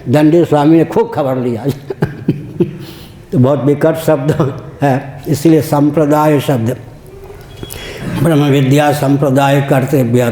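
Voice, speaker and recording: A man's voice: medium pitch, warm tone, echoey room. An older man, a spiritual teacher, giving a religious discourse, explaining with anecdotes and laughing at his own jokes.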